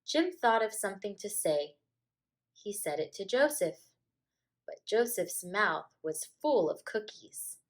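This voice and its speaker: With a mid-range voice, a female teacher reads from a children's picture book, her storytelling deliberate and expressive.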